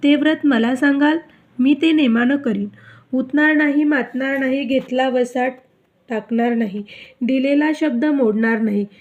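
A woman reading as a jittery young maidservant in a devotional tale, firing off quick questions and pleading earnestly. Her voice is high-pitched and bright with worry. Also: lo-fi sound. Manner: hurried questions, nervous pleading. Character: anxious young female maidservant.

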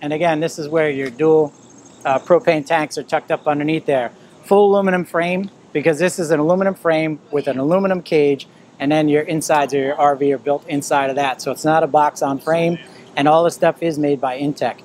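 A man's voice: fairly high pitch, fairly even intonation, fairly quick, a little mellow, slight background noise. A man in his fifties presenting an informal walk-through product tour, explaining and pointing things out as he moves around. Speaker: presenter of a camper trailer tour. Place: at an outdoor RV display, in and around a small trailer.

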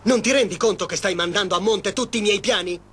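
Soap opera crook: middle-aged, bossy, short-fused, high-pitched voice, old noisy TV soundtrack. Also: male voice, fast, a bit bright. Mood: angry, menacing. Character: domineering, short-tempered middle-aged male lover and crook. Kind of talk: dubbed TV soap opera acting.

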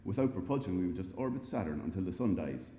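Guy putting on a low flat ship computer voice, super literal, roomy echo. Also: quick pace, slight background noise. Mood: deadpan. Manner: deadpan and literal. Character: flat, pedantic male starship computer. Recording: echoey library hall.

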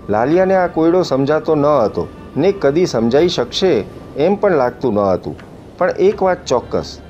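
Man narrating a novel, measured and reflective. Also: medium pitch, a little mellow. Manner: measured, reflective, rhetorical questions. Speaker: audiobook narrator. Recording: muffled audiobook recording with faint music.

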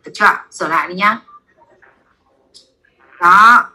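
A woman teaching basic French to a class in a classroom, with a Vietnamese accent, repeating words slowly for students to echo. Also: on the low side, pushed and bright.

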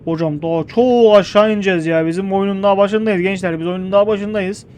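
An excitable young man commentates his gameplay with a fairly high voice, joking and shouting at the screen. A faint hum sits under the recording. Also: fast talker. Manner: excitable, jokey, yells at the game. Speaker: gameplay streamer.

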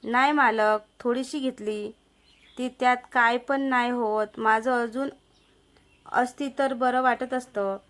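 A woman's voice: fairly high pitch, fairly even intonation, slow pace, fairly bright tone. A woman doing a meek drunken husband. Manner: meek, deferential.

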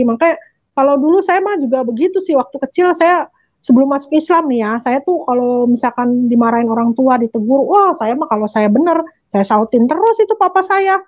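A talkative woman with a high, bright voice hosts a laid-back interview. She speaks with ease and laughs a lot, though the recording comes across as somewhat dull and lo-fi.

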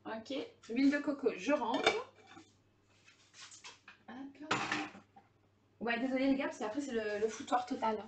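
A high-pitched woman in her thirties chats with her viewers during a live cooking stream. Her talk is loose and friendly, with frequent laughs, fillers and restarts. A faint noise sits under the recording. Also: a little slow, pauses often. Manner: chatty, laughs often, many fillers and restarts. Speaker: livestream host cooking.

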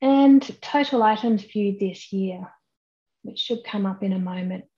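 A woman gives a keynote for an online conference from home, seated at her desk before a plain wall and framed head and shoulders by her webcam. Her mid-range voice comes through mellow and dull-toned. She explains things in a measured way, saying "um" often.

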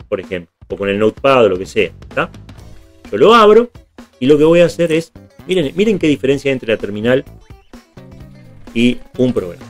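In a screen tutorial, a man with a mid-range, darkish voice teaches programming patiently and step by step. He often makes sure viewers are following, asking "¿está bien?"

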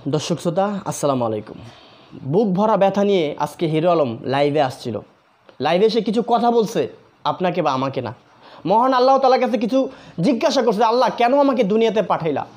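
A man's voice: sits high, animated, fairly quick, darkish tone. A man hosting a commentary video, speaking earnestly and appealing directly to his viewers, often repeating phrases for emphasis. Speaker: commentary channel host. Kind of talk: emotional social media commentary.

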